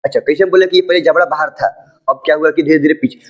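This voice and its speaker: A man teaching a school biology lesson in a casual lecture style, asking rhetorical questions and repeating points, with English textbook lines read slowly. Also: fairly high pitch, fairly even intonation, low-quality recording. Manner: explains with rhetorical questions and repetitions. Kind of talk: informal classroom lecture.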